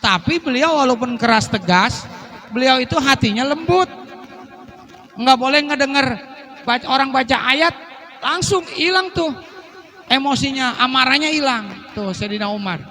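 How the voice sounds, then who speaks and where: At a mosque gathering, a man preaches a humorous religious lecture to the congregation in an extremely high, pushed and bright voice with lively intonation, a moderate pace and long pauses. He tells stories using quoted voices and chuckles, and there's a little hiss or hum in the audio.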